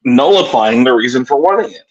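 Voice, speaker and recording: A man's voice: mid-range voice, animated, fairly quick, dull audio. A man casually hosting an online round table, steering the chat between guests.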